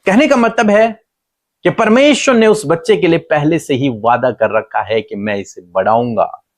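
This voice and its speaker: A middle-aged male pastor preaching a sermon with impassioned repetition. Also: normal speed. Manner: impassioned, repeating phrases, pitch leaping up for emphasis.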